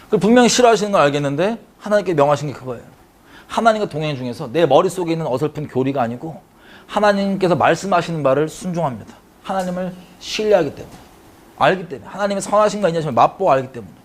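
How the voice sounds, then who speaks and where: A man's voice: fairly high pitch, animated, rapid-fire. A man teaching a Bible study, telling the story dramatically, acting out the characters' cries and putting questions to his listeners.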